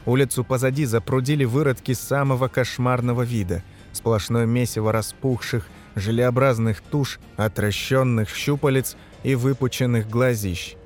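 A man reading a dark fantasy novel aloud as narrator, shouting the characters' lines in the battle scenes. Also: mid-range voice. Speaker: audiobook narrator. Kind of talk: scripted narration.

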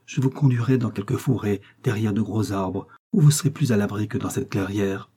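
A man's voice: fairly low pitch, brisk, mellow, breathy edge. A man reading aloud, voicing a devoted, anxious young maidservant who pleads urgently. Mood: reassuring.

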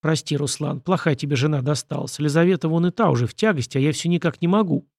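A man's voice: a little high, fast, creaky, dry recording, clean studio sound. A man reading the part of a young wife who teases and frets, voice lifted slightly. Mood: tearful. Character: young woman, wife, teasing and fretful.

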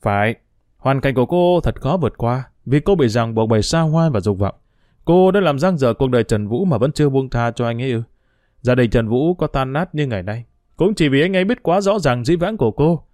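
A man's voice: medium pitch, lively intonation, brisk, a little mellow, no echo, clean studio sound, natural voice. A man reading a story aloud and voicing an angry, reproachful man who accuses a woman. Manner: harsh, reproachful.

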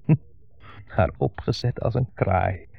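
Taking it slowly, with lively intonation and a full character voice, a deep, gravelly, husky-voiced actor plays a bitter adult son dominated by his mother. His brooding, intense monologue is from a 1970s radio play, heard through dull broadcast audio.

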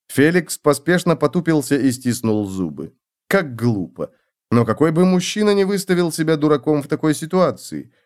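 A man narrating a fantasy audiobook in a measured, expressive reading. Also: lowish voice. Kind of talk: scripted narration.

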